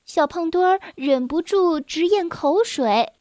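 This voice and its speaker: A woman narrates a children's storybook, clear and expressive. Her voice sits high. The recording is close and dry. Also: measured pace, dry recording.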